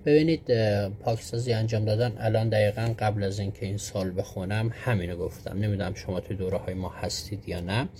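Male live-stream host, mellow low voice, patient explainer with "uh" fillers, faint hiss behind. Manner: greets viewers one by one, slow and drawn out. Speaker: live stream host answering viewer questions. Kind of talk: casual live-stream teaching.

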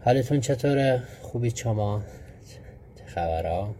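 Warm and mid-range, with lively intonation, a man's voice carries a casual live-stream lesson over slight background noise. He welcomes viewers individually and patiently answers what they ask, leaning often on fillers.

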